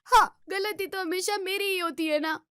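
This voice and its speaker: A woman's voice: extremely high pitch, fairly even intonation, moderate pace, fairly bright tone, no room sound, clean studio sound. A woman voicing a hurt, resentful young wife who talks back indignantly and pleads. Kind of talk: storybook voice acting.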